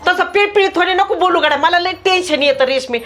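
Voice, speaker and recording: A sharp-tongued older mother-in-law, as a woman acts her out. She nags and scolds in a fairly high voice, dropping folk sayings as she goes. Background music runs under the comic family sketch. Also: quick pace. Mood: scolding.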